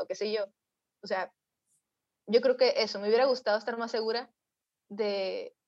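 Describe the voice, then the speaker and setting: A woman psychologist answering interview questions, telling lively stories and acting out what people said. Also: on the high side. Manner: lively storyteller, acts out quotes. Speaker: psychologist guest. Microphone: video call. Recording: dull lo-fi call audio.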